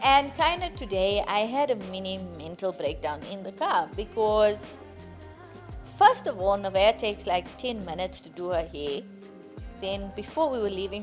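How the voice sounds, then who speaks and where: A woman's voice: mid-range voice, animated, moderate pace, soft background music. A woman co-hosting a casual podcast chat, a mother who talks animatedly and laughs often while telling stories. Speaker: podcast co-host.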